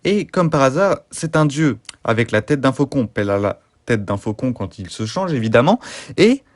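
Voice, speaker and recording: Guy doing a fake-serious theory breakdown, deadpan, lots of uhs, mid voice, dry close sound. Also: mid-range voice, moderate pace, no room sound. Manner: deadpan, over-earnest, with frequent hesitations. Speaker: YouTube host. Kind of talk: mock-serious fan theory analysis.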